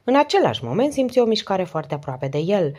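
A woman narrating an audiobook with a steady, expressive reading. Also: mid-range voice.

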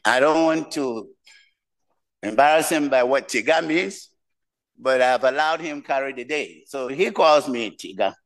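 Standing at a podium in a lecture hall, an older man raised outside the United States delivers a keynote speech. He tells a personal story slowly, with pauses, in a medium-pitched, fairly bright voice.

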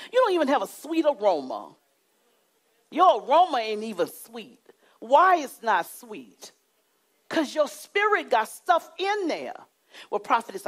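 Middle-aged woman preacher, lively delivery with wide pitch swings, emphatic, lapel mic. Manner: animated, emphatic, with dramatic pauses and shifts to a hushed voice. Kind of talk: sermon. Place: church studio with curtain backdrop.

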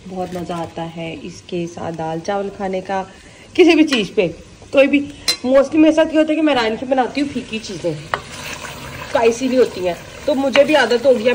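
A hoarse woman with a sore throat, chatting casually through a cooking vlog in her home kitchen, filming on a handheld phone. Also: medium pitch, background noise. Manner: chatty, often adds a polite "okay ji". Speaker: vlogger.

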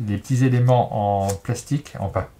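A man's voice: on the low side, normal speed, dark tone, slight background noise. A man hosting a casual chat, playful and chatty as he tries out a puzzle game and asks questions. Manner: playful, chatty, laughs easily. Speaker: host.

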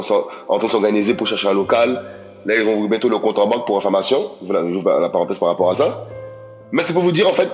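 A man preaching a sermon, emphatic, repeating his phrases and often calling out to his listeners as friends. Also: mid-range voice. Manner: addresses audience as "mes amis".

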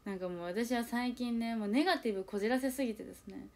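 A woman's voice: fairly high pitch, fast. A young woman in an idol group chatting casually on a livestream, reading viewer comments and confiding in a self-deprecating way, acting out little quoted exchanges. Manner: animated, acts out little quoted exchanges in changed voices. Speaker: idol group member streaming live.

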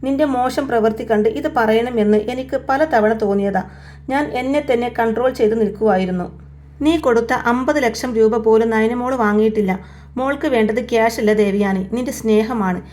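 A woman voicing an older grandfather who speaks in a calm, earnest and reproachful way. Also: very high voice, fairly quick. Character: grieving grandfather, older man, gently reproachful.

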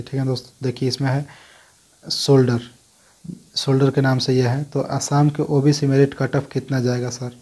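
A dark-toned man of medium pitch hosts a casual talk replying to viewer comments, speaking conversationally and repeating "dekhiye" and "dosto" a lot.

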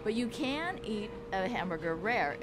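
A woman interviewer in a small restaurant, chatty and animated, laughing easily with her guest. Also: mid-range voice, unhurried, background noise. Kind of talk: casual interview. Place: small restaurant with street noise.

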